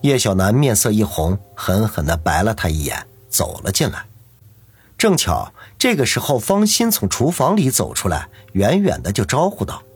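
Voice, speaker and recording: A man narrating an audiobook novel in a steady storytelling manner. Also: fairly low pitch, moderate pace, husky, dry recording, faint music behind. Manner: steady storytelling, doing every character.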